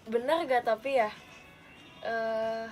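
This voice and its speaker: A woman's voice: on the high side, slow, soft background music. Young woman with a lisped r. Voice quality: lisping, imprecise r sound. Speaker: idol livestream host. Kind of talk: casual livestream chat. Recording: faint background noise.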